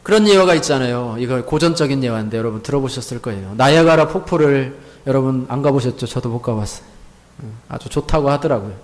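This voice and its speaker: A man's voice: mid-range voice, quick pace. A male pastor preaching a Sunday sermon in a church. He asks the congregation rhetorical questions, repeats key words, and has them repeat lines after him. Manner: leads the congregation in call-and-repeat. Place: church sanctuary.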